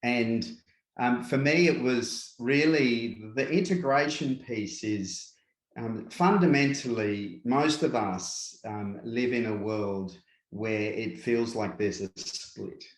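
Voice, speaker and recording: A man with an Australian accent, a guest speaker talking reflectively in an interview, unhurried and full of "yeah" and "yep". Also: medium pitch, reverberant, low-quality recording. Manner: unhurried, filler-heavy, repeats "yeah" and "yep". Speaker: guest speaker, workshop presenter.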